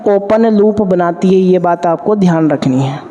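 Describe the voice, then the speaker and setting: A man's voice: high-pitched, measured pace, muffled recording, a little hiss or hum. A male physics teacher lecturing at a board, quizzing students with repeated questions and answering them himself. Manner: addresses students warmly as 'beta'. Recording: long hall reverb.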